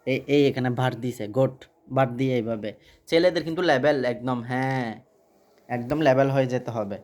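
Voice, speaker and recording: A man teaching recitation and prayer one-on-one, patiently correcting his pupil and repeating phrases slowly. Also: mid-range voice, darkish tone.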